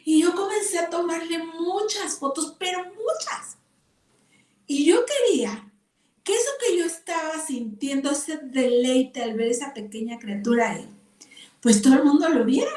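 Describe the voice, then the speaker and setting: An older woman, teaching a Bible class to women and telling personal stories with lively exclamations. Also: high-pitched, moderate pace. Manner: expressive storytelling with exclamations and laughter. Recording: echoey room from far off.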